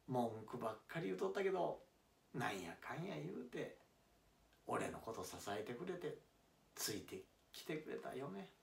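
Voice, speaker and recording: 男性が演じる 関西弁の労働者ファン。声を張り上げ、抑揚が激しく上下し、ざらついた声。響く部屋でマイクから少し離れた録音。. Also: male voice, fairly high pitch, normal speed. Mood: tender. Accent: Kansai. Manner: loud, excitable, shouting at times. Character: excitable Kansai laborer fan, man, devoted. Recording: roomy, distant mic.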